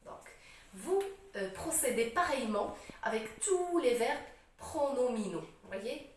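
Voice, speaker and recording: A woman teaching a French grammar lesson, explaining slowly, repeating herself and often checking that the class follows. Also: fairly high pitch, expressive, a little mellow. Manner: slow, repetitive explaining, checks understanding often. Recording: echoey, distant, faint noise.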